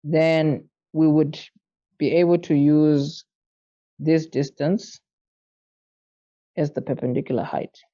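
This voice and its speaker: A man tutoring maths, working through an exam paper out loud in a casual way, muttering to himself and sounding tired late at night. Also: a little high, flat delivery, slow pace, pauses often, highs cut off.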